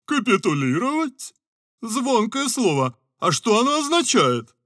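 Storybook scarecrow ruler, voiced by a man: lively, high, jokey and mocking. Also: a little slow, dry recording, clean studio sound, full character voice. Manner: mocking, playful. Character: cheerful witty straw-man ruler. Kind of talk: audiobook character voice.

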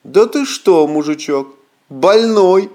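Мужчина озвучивает жадного, высокомерного барина, повелительного и надменного. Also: male voice, high-pitched, expressive, slow pace, dark tone, pitched above the performer's own voice. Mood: condescending. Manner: haughty and commanding. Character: greedy pompous nobleman, arrogant then panicked.

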